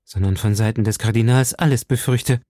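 A man's voice: fairly low pitch, steady tone, a little fast, dark tone, dry recording, clean studio sound, natural voice. A man voicing a cold, cunning noblewoman. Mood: guarded. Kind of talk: audiobook reading.

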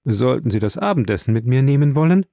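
A man's voice: mid-range voice, very animated, quick pace, gravelly, mellow, no room sound, clean studio sound. A man reading the part of a wealthy, composed count in an audiobook, courteous with a touch of irony. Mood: calm, courteous. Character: suave wealthy count, calm and commanding.

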